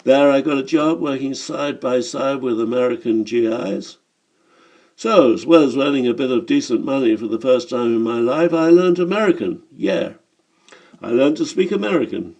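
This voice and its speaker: A man's voice: mid-range voice, expressive, moderate pace, darkish tone, natural voice. A man voicing a boastful, sly middle-aged German swindler in an audiobook story, talking with a chuckle.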